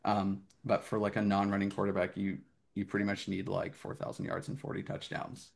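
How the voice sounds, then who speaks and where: Gravelly man with short, flat remarks. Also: fairly low pitch, a little fast. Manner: brief, matter-of-fact remarks. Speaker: podcast panelist. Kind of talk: casual fantasy sports chat.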